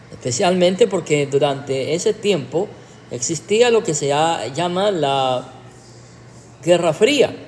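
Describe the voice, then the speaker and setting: A man's voice: fairly high pitch, darkish tone, in a large hall, a little hiss or hum. A man, a pastor, preaching a livestreamed teaching sermon in a sarcastic way, with emphatic rhetorical questions.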